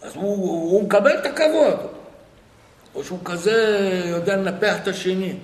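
A man preaching a sermon and retelling stories in animated fashion, acting out the dialogue. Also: sits high. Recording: echoey hall with faint noise.

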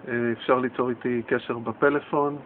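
A man's voice: medium pitch, fairly even intonation, a little hiss or hum. A man who volunteers as a medical clown, answering a radio interview hesitantly and stammering. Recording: tinny phone line.

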